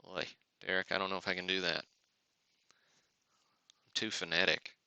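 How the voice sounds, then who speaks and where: Opening cards live, the host of a sports card break stream keeps up casual, off-the-cuff commentary and mutters asides to himself. He has a low-pitched, smooth voice with vocal fry, a bright, forceful tone, little pitch movement, and normal speed, with no echo.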